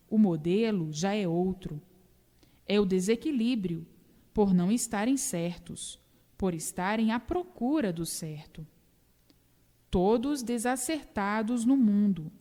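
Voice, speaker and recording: A woman reading a doctrinal book aloud in a measured, repetitive preaching cadence. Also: mid-range voice, mellow. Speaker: reader. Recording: long reverb.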